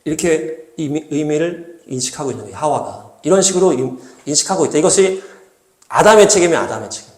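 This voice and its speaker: A high-pitched male pastor preaching a sermon in an echoey church hall. He repeats key phrases emphatically and slips into different voices to act out quoted dialogue. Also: expressive, fast talker.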